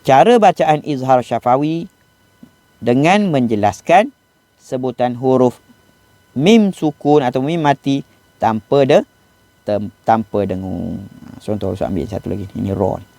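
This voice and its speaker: A man with a Malaysian Malay accent gives a lesson on Quran recitation, explaining each rule patiently and stretching out the example words slowly. His voice is mellow and relaxed, recorded close in a dry space with no room echo. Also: medium pitch, vocal fry. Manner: patient and explanatory, slows down to model Arabic recitation. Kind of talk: classroom lesson on recitation rules.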